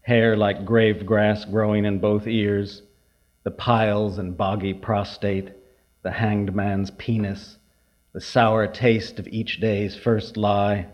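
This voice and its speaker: Man, old archival recording, muffled lo-fi tape, slow poetry reading, lowish voice. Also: level tone. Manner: unhurried, with hesitant asides. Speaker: poet. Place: reading hall with an audience.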